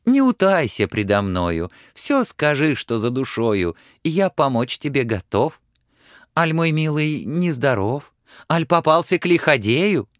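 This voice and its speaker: A man's voice: on the high side, sing-song, measured pace, no echo, studio quality, pitched above the performer's own voice. A man voicing a kind, wise little humpbacked horse in a storybook reading, coaxing and soothing.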